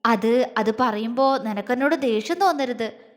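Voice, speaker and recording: A tender young husband in an audio romance, coaxing and affectionate, who stammers when flustered, as a woman narrator plays him. The voice sits fairly high and rings in a long reverb. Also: moderate pace, natural voice.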